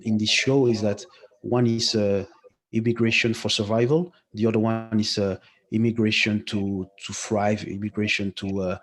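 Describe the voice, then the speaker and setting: A man in his thirties from Belgium, a guest on a video-call interview, speaking hesitantly with many fillers from a room at home. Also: fairly low pitch.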